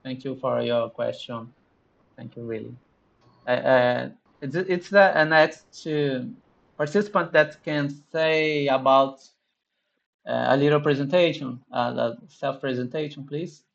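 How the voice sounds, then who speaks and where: Guy hosting a class q&a, slow, stop-start english, muffled call sound. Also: mid-range voice, vocal fry. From Brazil. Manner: halting, many restarts and thank-yous. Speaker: instructor hosting a live class Q&A. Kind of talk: casual online class chat.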